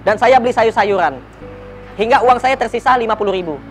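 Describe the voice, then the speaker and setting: A man's voice: high voice, expressive, a little fast, soft background music. A man telling a personal story and drawing a religious lesson from it, earnest and preachy. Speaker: founder of a free eatery.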